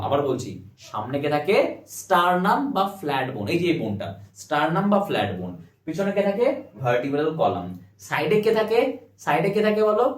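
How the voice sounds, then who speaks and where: A man teaching biology at a board, firing questions at the class and answering them himself. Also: a little high. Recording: roomy echo, mic at a distance.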